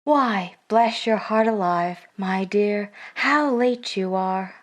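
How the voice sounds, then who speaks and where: Actress as Mrs Cratchit, fussing warm mother. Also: mid-range voice, slow, close to an everyday voice. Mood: fond. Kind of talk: classic radio drama acting.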